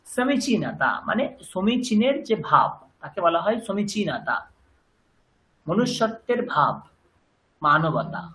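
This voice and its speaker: A man teaching a grammar lesson, patiently drilling words through slow repetition. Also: high-pitched, big pitch swings, fairly bright tone, echoey room, poor audio. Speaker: language teacher.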